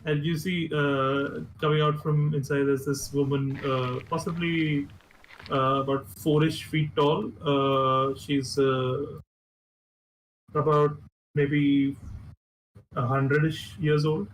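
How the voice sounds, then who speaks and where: A man narrating as game master of a tabletop game over voice chat, halting with many filler words. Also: on the high side, little pitch movement, poor audio. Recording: faint background noise.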